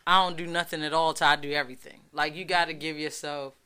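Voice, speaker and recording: A woman hosting a weekly radio talk show, speaking in an emphatic, animated, casual way. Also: low-pitched, fast. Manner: emphatic, animated, keeps asking "you know what I'm saying".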